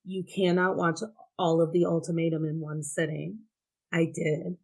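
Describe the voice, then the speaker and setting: A woman in her early thirties from Ohio, a guest on a podcast. She tells personal stories frankly and with wry humor, laughing between lines. Her voice sits a little low for a woman. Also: level tone, moderate pace, creaky, breathy edge, poor audio. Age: 30s. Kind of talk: casual chat.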